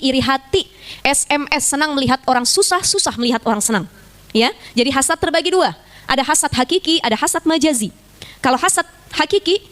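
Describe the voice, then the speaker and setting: A woman's voice: high-pitched, a bit bright. A woman preacher, giving a chatty, joking religious talk to a group of women and often asking them questions. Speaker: female Islamic preacher.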